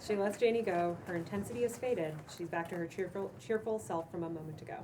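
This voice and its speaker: A woman with a lowish voice reads stage directions quickly as scripted narration during a casual table read. A distant room mic picks her up, along with clear background noise.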